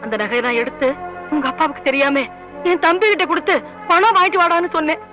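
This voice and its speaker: A woman's voice: high-pitched, animated, quick pace. An actress playing a middle-aged mother, wronged and stubborn, speaking with emotion in a 1980s film drama. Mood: sorrowful. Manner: pleading then defiant, emotional. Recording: lo-fi film soundtrack with music.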